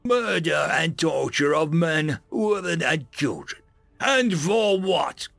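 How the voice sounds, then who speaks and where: A man's voice: a little high, takes it slowly, vocal fry, no echo, soft background music, pitched above the performer's own voice, exaggerated voice. A man doing a cold, contemptuous hooded avenger. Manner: calm, cutting, contemptuous.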